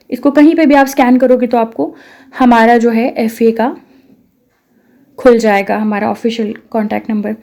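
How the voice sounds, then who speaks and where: A high-pitched woman with a Pakistani accent, speaking in a mellow, dark tone. She is an English course instructor walking through her program step by step. She keeps asking rhetorical questions and mixes English phrases into her talk. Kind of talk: promotional course explainer.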